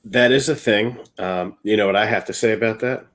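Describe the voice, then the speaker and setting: A man's voice: fairly low pitch, fairly quick, a bit bright, low-quality recording. A man co-hosting a casual board game podcast, easygoing and joking. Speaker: podcast co-host. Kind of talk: casual chat.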